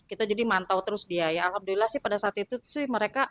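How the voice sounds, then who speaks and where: A woman recounting her time as a flight attendant in a casual, halting way with many fillers. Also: mid-range voice, fairly bright tone, no echo. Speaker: former flight attendant guest. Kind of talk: casual storytelling.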